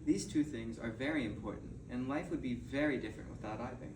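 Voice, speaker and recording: Man doing a hard-sell infomercial, distant and echoey. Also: mid-range voice. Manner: halting delivery with stumbles and repeated phrases. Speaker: presenter in a mock infomercial. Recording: roomy, distant mic, clearly noisy.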